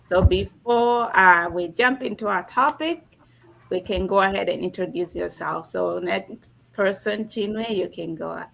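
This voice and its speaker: A woman hosting a live stream panel, talking in a relaxed way with fillers and pauses. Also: mid-range voice, creaky, low-quality recording. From Canada.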